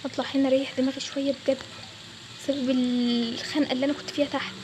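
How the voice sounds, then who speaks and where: A woman's voice: high voice, flat delivery, racing, background noise, natural voice. A woman with an Egyptian Arabic accent voicing an exasperated young bank clerk in a toy role-play story. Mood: annoyed. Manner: exasperated, snapping back.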